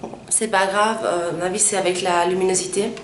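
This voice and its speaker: Her voice is lowish and fairly even in intonation as this young woman talks through a makeup tutorial in a relaxed way. She stops frequently, dropping in little fillers while explaining every step, and her words echo around a spacious room over a soft background hum.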